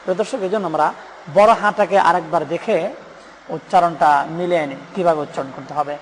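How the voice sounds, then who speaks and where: A man with a Bangladeshi Bengali accent teaching Quran pronunciation, patiently repeating letter names slowly for learners. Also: on the high side, big-room sound, slight background noise. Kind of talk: step-by-step pronunciation lesson.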